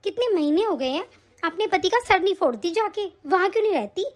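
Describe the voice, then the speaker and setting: Woman voicing a high, nagging sister-in-law. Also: animated, fairly quick. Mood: indignant. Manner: nagging, sarcastic taunts. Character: scolding sister-in-law, sharp-tongued, grudging housewife. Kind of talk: animated story voice acting.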